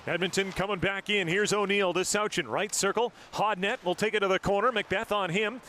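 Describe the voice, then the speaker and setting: A man's voice: high-pitched, steady tone, fairly quick, sharp tone, a little hiss or hum. A man doing live hockey play-by-play on a broadcast mic, rattling off each pass and shot in short, clipped calls. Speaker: play-by-play announcer.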